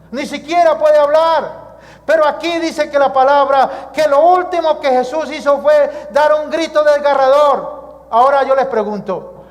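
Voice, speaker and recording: A man with a Colombian accent, a pastor preaching a sermon, asking the congregation rhetorical questions and calling them "mis amados". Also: extremely high pitch. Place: church sanctuary. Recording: church hall reverb.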